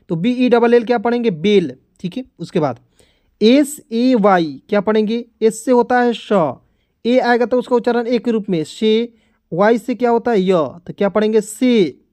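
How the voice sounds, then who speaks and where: A man's voice: sits high, warm tone, dry recording. A man teaching beginners to read English words, spelling them letter by letter and quizzing the listener over and over. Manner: repetitive, quizzing with "kya padhenge?" and "theek hai". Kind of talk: phonics lesson for beginners.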